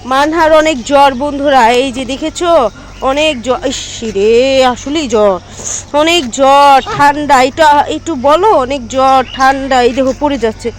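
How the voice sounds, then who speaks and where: A young woman, chatting to her viewers as friends in a casual family vlog and gently coaxing her little child, walking outdoors in a village with a phone camera. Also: high voice, moderate pace, a little hiss or hum. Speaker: vlogger and mother.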